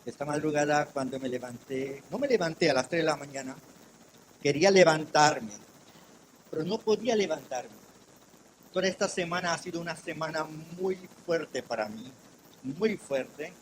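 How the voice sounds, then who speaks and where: A man's voice: a little high, normal speed, slight background noise, rough recording. An older man, preaching an emotional testimony sermon in a church. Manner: emotional testimony, swinging from quiet to loud. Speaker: missions pastor.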